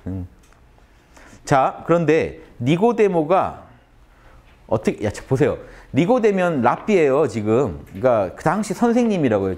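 A man giving a conversational religious lecture, asking the audience many rhetorical questions and acting out quoted speech. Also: a little high. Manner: lively, acts out quoted speech in changed voices. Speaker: lecturer on the Gospel of John.

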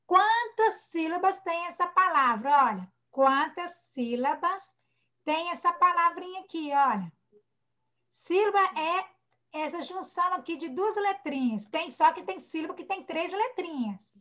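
A woman teacher with a Brazilian accent guides young children through an online class. Her voice is high and bright, and she is patient and tender as she sounds out words syllable by syllable. Everything comes through the dull, muffled audio of a video call. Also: animated, measured pace. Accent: Brazilian Portuguese. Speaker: primary school teacher. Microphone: computer or phone mic on a video call.

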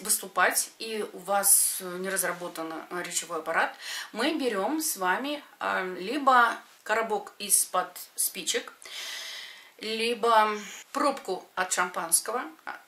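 Bright-voiced woman giving step-by-step instruction. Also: mid-range voice. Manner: short step-by-step commands with pauses. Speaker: speech exercise instructor. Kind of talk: instructional demonstration to camera. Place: indoors, in front of a padded wall.

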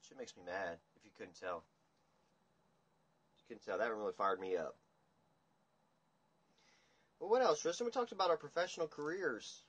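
A young man rambling through a livestream chat, swearing freely and ranting with animated energy. His voice is bright and forceful but husky. It sounds like a phone picking him up in a dim room. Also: medium pitch, moderate pace, pauses often, lo-fi sound. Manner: rambling, profane, animated rants. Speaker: livestream host. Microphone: phone camera at table.

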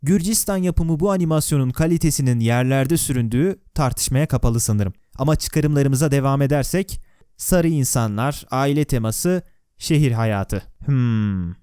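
At a moderate pace, a man with a mellow, smooth, medium-pitched voice narrates a video, recorded dry and close on a voice-over microphone. The narration is scripted but conversational, with wry sarcasm and questions for the viewer.

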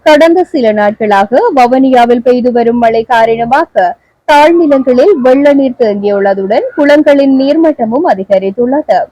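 A woman with a Sri Lankan Tamil accent reading the evening news in a steady, measured, formal delivery. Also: high-pitched, no echo, low-quality recording. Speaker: newsreader.

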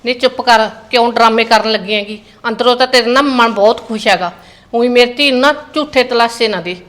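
Middle-aged rural Punjabi mother-in-law played by a woman, rapid scolding, slightly high. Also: a bit bright, lightly acted. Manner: fast, scolding and accusing. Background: background music.

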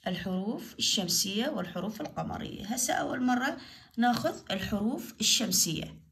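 An Iraqi woman teaches a primary-school grammar lesson, saying each example word slowly and more than once. She asks questions and answers them herself. Now and then her voice drifts away from the mic as she turns to write on the board. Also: medium pitch, animated, fairly bright tone. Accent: Iraqi Arabic. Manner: slow, repeats each example word for dictation.

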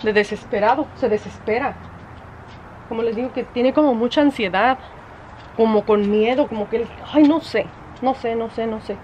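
A woman vlogging casually from home, chatty and exasperated, sometimes breaking off to scold her dog in sharp high bursts. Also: normal speed, muffled recording, slight background noise. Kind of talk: casual vlog chat. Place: at home, indoors and outdoors.

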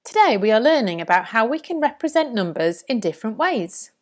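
A woman's voice: on the high side, very animated, a little fast. A woman presenting a scripted lesson for young children as a primary teacher, in a singsong manner. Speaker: primary school maths teacher.

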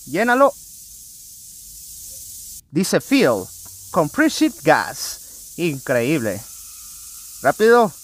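An excitable man, hosting a let's play video and talking to his viewers as he plays. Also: sits high. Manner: excitable, often addresses viewers as friends. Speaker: gaming channel host.

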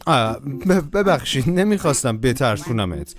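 With music playing behind him, a man narrates a children's cartoon, addressing the characters in a playful, coaxing manner. His voice is medium-pitched and sing-song.

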